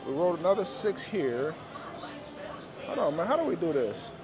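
A gambling vlogger with a high-ish, sing-song voice talks at a normal speed on a busy indoor casino floor, with music and crowd chatter all around. He gives viewers casual, slangy play-by-play as he gambles, often repeating numbers and phrases.

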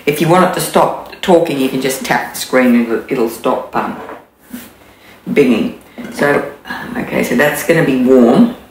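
With a very deep, slightly mellow voice, an Australian woman in her sixties walks through a recipe in her own kitchen. Her casual cooking demo is chatty and unhurried, sprinkled with ums and restarts. It's recorded by a camera in front at mid distance in an echoey room with faint background noise.

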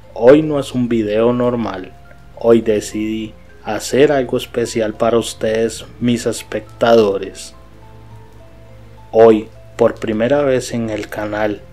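Slow, deliberate male horror host. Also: fairly low pitch, dark tone. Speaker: channel host. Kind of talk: scripted horror narration. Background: faint music.

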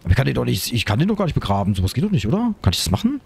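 A man commenting on his own survival game play, excitable, talking to himself and his viewers. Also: mid-range voice, rapid-fire, creaky, slightly rough. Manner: excitable, talks to himself and viewers, frequent exclamations. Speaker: gaming YouTuber.

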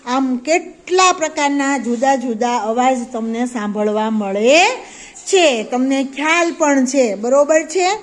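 A woman's voice: high-pitched, slow pace. A woman teaching a preschool class, asking the children questions and praising their answers. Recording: faint background noise.

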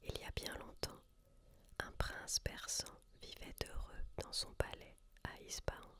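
A woman reads aloud from a book in a hushed library whisper, fully unvoiced. Her delivery is soft and very measured, taking each phrase slowly in an ASMR style. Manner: slow, measured, deliberate phrasing. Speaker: reader.

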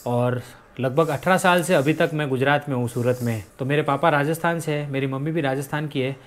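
An Indian vlogger in his thirties from Rajasthan gives a casual, chatty house tour indoors, moving room by room through his apartment with a handheld phone. He talks fairly quickly in a medium-pitched voice with fairly even intonation.

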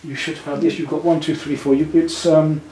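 Fairly high in pitch yet dark in tone, this sixties-aged man talks rather quickly and evenly while demonstrating painting to a student, calmly reassuring them one step at a time. He's indoors in his living room. The camera sits a few feet off, leaving the audio roomy and distant with noise behind it.

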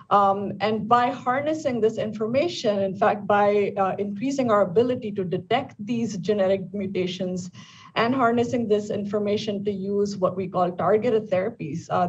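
A lung cancer oncologist in her thirties explains things in a measured way, with frequent ums, during a live news interview on a video call from home or office. Her voice is medium-pitched and darkish. She's in a bright indoor room, and the audio sounds distant and dull, with faint room noise.

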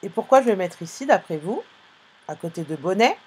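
A woman teaching a phonics lesson to young pupils over a live online class, speaking slowly and clearly, spelling out sounds and letters with patience. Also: mid-range voice, animated, mellow, a little hiss or hum.

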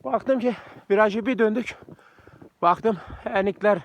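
A man with a notably high voice talks casually to the camera while he walks outdoors through snowy countryside. He chats freely and keeps coaxing and praising his dogs along the way. The sound comes from a camera or phone he carries as he walks. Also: unhurried, muffled recording. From Turkey. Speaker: village farmer vlogger. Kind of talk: casual walking vlog.

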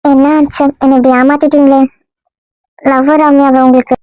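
Man putting on a coy high young woman. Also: little pitch movement, moderate pace, darkish tone, dry recording. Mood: pleading. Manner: coy, teasing, feigning innocence. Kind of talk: comedy skit role-play.

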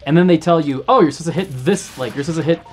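A man's voice: a little high, racing, darkish tone, faint music behind. A man hosting a let's play, chatting casually as he plays and repeating words while he thinks aloud. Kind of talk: casual gameplay commentary.

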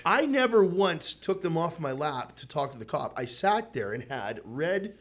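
A man's voice: fairly high pitch, normal speed. A man, a stand-up comedian, telling a story in casual chat, acting out the voices of the people in it. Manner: animated storyteller, acts out voices, frequent restarts.

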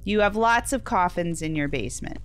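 A young woman with a lowish voice and lively intonation gives let's-play commentary on a horror game, talking a little fast. Nervous, she talks to herself, swears, and drops to a whisper when frightened.

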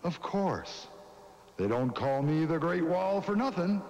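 Pompous talking wall, dull sound. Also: male voice, on the high side, expressive, measured pace, a little mellow, a little hiss or hum. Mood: smug, teasing. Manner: pompous, showy sales patter. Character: talking Great Wall, grand wisecracking salesman host. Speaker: infomercial host. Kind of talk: scripted infomercial pitch and comedy. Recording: dull sound with music behind.

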